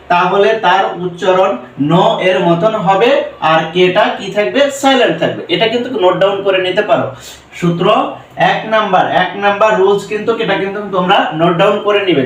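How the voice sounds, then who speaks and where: A man's voice: high-pitched, fairly bright tone, far from the mic. Man, teacher, asks and answers his own questions, roomy echo. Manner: repeats questions and answers them himself; mixes English phrases into Bengali explanation. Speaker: English teacher. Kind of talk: classroom-style pronunciation lesson.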